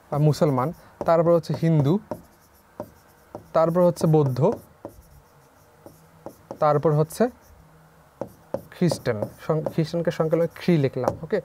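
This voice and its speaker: Slightly high-voiced young male tutor. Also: warm tone, slight background noise. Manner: repeats key figures as questions to students. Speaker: teacher. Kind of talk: online class lecture.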